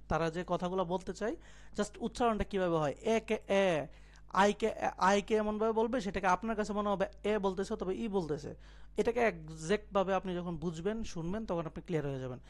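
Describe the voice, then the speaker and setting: A young man teaching an IELTS listening lesson in an online class, explaining step by step, mixing in English terms and checking that his students follow. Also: sits high. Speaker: IELTS tutor. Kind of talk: live online class lecture.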